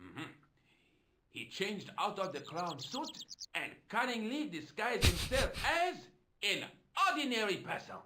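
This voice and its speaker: A man's voice: high-pitched, very animated, measured pace, noisy background. An actor playing a chatty, theatrical French café man in a video game, with a French accent. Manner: theatrical, melodramatic, fussy.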